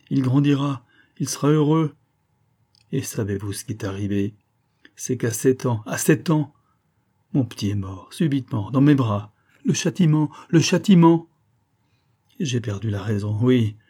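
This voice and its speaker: Man doing a dying woman's voice, raised pitch, anguished, pleading, mellow tone, audiobook. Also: natural voice. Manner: anguished, pleading, repeats words in despair. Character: dying guilt-stricken woman, a former false witness. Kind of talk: audiobook reading.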